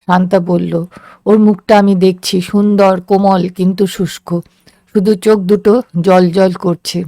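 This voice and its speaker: A woman narrating a story in a slow, measured, soft voice. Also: mid-range voice, level tone, no echo, studio quality. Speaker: story reader.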